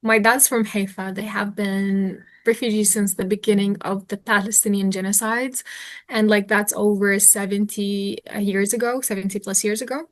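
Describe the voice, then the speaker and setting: A woman's voice: medium pitch, steady tone, moderate pace, no room sound. A woman, answering interview questions earnestly, thinking aloud with fillers and restarts. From Jordan. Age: 20s. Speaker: interview guest, activist.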